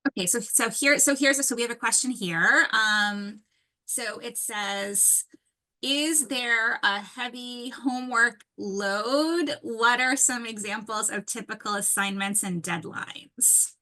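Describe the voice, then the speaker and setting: A woman's voice: on the high side, takes it slowly, sharp tone. A woman moderating a webinar panel in a loose, chatty way with many fillers, over a video call. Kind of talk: casual moderating.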